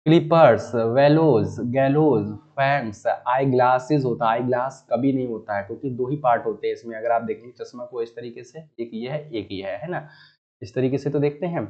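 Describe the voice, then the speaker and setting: A man's voice: medium pitch, moderate pace, a little mellow, lo-fi sound. Man teaching grammar to students. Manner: explains patiently, often addresses students directly. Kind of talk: classroom lecture.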